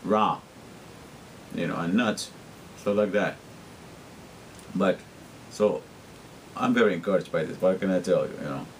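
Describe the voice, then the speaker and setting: This poorly recorded clip carries slight background noise behind a man's fairly low voice. He's a middle-aged vlogger from Guatemala, a native Spanish speaker, delivering a rambling, earnest monologue about himself that repeats often and keeps starting sentences over.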